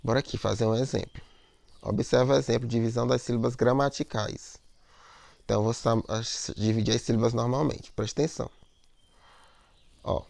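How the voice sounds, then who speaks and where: A man's voice: mid-range voice, steady tone, brisk, gravelly, long pauses, darkish tone. A man teaching a lesson on poetic meter, explaining step by step, repeating words, and checking in with "né?" and "ó".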